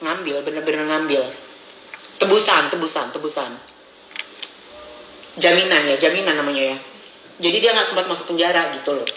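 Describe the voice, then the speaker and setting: High bright-voiced guy w slang ranting to followers on his phone, repeats himself a lot, roomy echo. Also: moderate pace, long pauses, a little hiss or hum. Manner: chatty, repetitive, gossipy, indignant. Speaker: social media vlogger. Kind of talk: casual rant to followers. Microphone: phone camera at arm's length.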